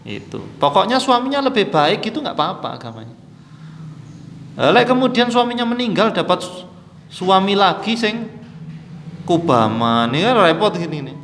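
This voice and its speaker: A male preacher with an East Javanese accent delivers a lively sermon, his voice sitting a little higher than most men's. He switches into the voices of the people he quotes. The sound rings in a reverberant hall over faint background noise. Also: normal speed, long pauses. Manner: animated, mixes Javanese with Indonesian, acts out quoted mourners. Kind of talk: religious study sermon.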